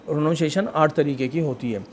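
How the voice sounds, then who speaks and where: A man with a Hindi accent giving a spoken English grammar lecture, explaining step by step and slowing down for English example sentences. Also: a little high, darkish tone, slight background noise. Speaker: English teacher.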